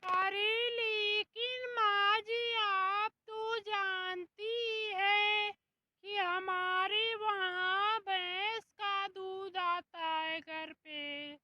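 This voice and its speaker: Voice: very high-pitched, fairly even intonation, very slow, bright, forceful tone, heavily acted. Someone doing a whiny sulky young bahu. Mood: sassy. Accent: Bhojpuri-tinged Hindi. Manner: complaining, wheedling, talks back. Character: sulky sharp-tongued young daughter-in-law. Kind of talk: comic skit.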